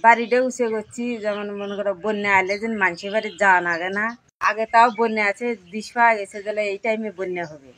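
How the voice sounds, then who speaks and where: A woman with a rural northern Bangladeshi accent, giving halting, repetitive, unscripted testimony as a villager. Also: mid-range voice, fairly even intonation, a bit bright. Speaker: villager interviewed about floods. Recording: birdsong and clear outdoor background noise.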